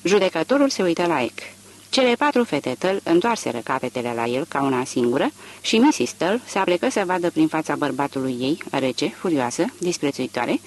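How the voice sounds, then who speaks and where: A man narrates a literary novel as an audiobook. His voice sits somewhat high and moves with lively swings of pitch. The reading is expressive and varied.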